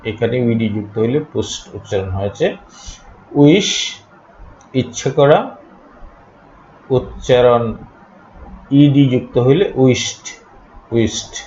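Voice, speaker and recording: Man from Bangladesh as an English teacher, very slow and drilling, each word said twice or three times, recorded on dull lo-fi audio. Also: mid-range voice, vocal fry, a little mellow. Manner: repeats each word slowly, drilling pronunciation. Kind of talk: slow spoken pronunciation lesson. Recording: dull lo-fi recording, faint noise.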